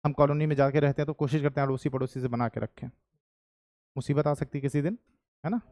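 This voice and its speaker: A young adult man with an Indian accent teaches a history class, switching between Hindi and English, cracking jokes and putting questions to his students. His medium-pitched voice is steady, a little mellow, and quick. The classroom lecture has a clean studio sound with no room sound.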